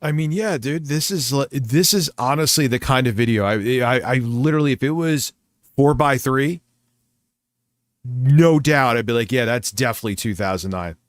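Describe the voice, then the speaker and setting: A man's voice: mid-range voice, normal speed, no room sound, studio quality. A man hosting a livestream in a casual, sweary reacting style. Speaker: livestream host reacting to videos. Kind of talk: casual profane chat.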